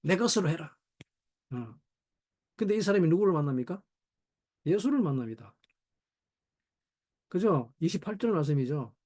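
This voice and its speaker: A man's voice: fairly high pitch, moderate pace, pauses often. A middle-aged man teaching a Bible study in sermon style, asking rhetorical questions and voicing quoted people. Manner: animated, rhetorical questions, voices his wife in quotes.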